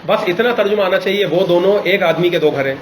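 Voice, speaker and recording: A man's voice: sits high, roomy sound, a little hiss or hum, rough recording. A male teacher leading an Arabic grammar class, patiently correcting and quizzing his students.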